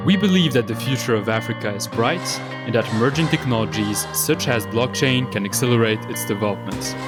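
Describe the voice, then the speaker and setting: A man's voice: mid-range voice, a little fast, loud music behind the voice. A man hosting a podcast, reading a polished scripted introduction and then asking his guest questions. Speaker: podcast host.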